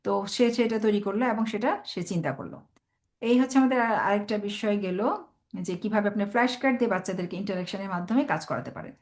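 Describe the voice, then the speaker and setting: A woman's voice: mid-range voice, a little mellow. Woman teaching parents in a webinar. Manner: patient, explains step by step, sounds out words slowly.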